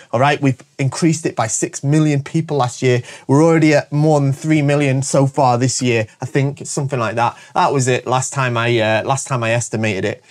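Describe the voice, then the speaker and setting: Despite a cold that leaves his medium-pitched voice stuffy and bunged up, this show host and shop owner is energetic and jokey in a casual promotional monologue to camera. He keeps tagging "all right?" onto what he says.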